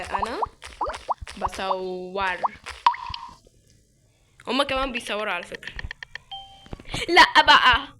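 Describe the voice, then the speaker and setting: A young woman with an Egyptian Arabic accent giving casual, excitable commentary while playing a game with friends. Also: fairly high pitch, noisy background. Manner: excitable, exclaiming and reacting loudly. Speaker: gaming channel host.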